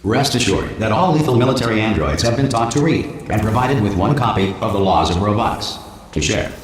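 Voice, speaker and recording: A man's voice: fairly low pitch, brisk, slight background noise, natural voice. Man as an echoey, unflappable game facility announcer. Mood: deadpan reassuring. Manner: formal, unflappable, deadpan instructional delivery. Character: calm, cheerfully callous recorded facility announcer. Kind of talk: scripted public-address announcement in a video game. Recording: echoey announcer sound, game music behind.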